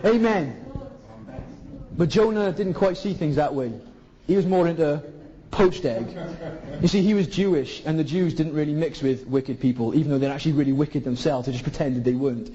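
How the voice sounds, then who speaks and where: A man's voice: fairly high pitch, brisk, dark tone, lo-fi sound. A man with a Welsh Valleys accent preaching a colloquial sermon, putting rhetorical questions to his listeners. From South Wales valleys.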